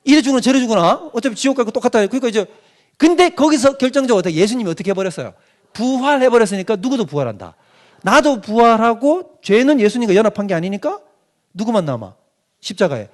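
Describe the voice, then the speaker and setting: A man's voice: extremely high pitch, sing-song, quick pace. A middle-aged male pastor giving an emphatic doctrinal lecture, firing questions at his listeners and answering them himself. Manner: emphatic, mimics people with sudden loud outbursts.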